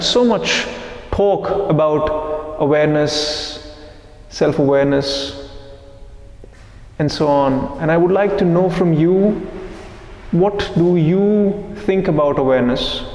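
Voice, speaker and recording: A man leading a live meditation group, talking slowly and calmly, asking the group questions and repeating their answers back. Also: a little high, echoey room, long reverb tail. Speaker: meditation teacher. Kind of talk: live guided meditation talk.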